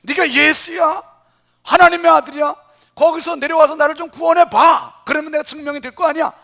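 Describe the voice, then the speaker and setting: A man playing a crucified robber who mocks and taunts, loud and high. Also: steady tone, brisk, gravelly, exaggerated voice. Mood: jeering. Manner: taunting, shouted. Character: jeering crucified male robber, mocking and defiant.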